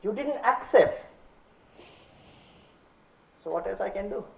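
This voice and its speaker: A calm, patient God, as a man puts him on. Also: high-pitched, gravelly, voice pushed up, heavily acted. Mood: calm reproach. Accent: Sri Lankan. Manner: calm, measured, quietly reproachful. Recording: roomy hall, voice far from mic.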